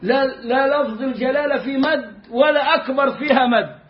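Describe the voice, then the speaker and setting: A man with a strikingly high voice and an Egyptian accent gives a religious lesson with humor. He drags words out slowly to model how they should sound. The recording is echoey and a little dull. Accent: Egyptian Arabic. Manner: humorous, demonstrative, drawing out words to teach pronunciation. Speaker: Islamic jurisprudence teacher.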